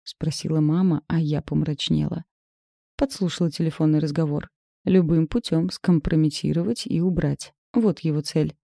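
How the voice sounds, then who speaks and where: A woman reading a first-person story aloud in a lively, wry narrating manner on a close mic. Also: deep voice, moderate pace, vocal fry, no echo. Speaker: audiobook narrator.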